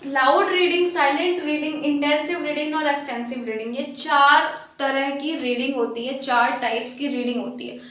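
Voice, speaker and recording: High-voiced woman teacher in an echoey room. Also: steady tone, moderate pace, few pauses, a bit bright, distant mic. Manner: explains step by step, repeats key terms, corrects herself. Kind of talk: exam prep lesson. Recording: echoey room, voice set back from the mic.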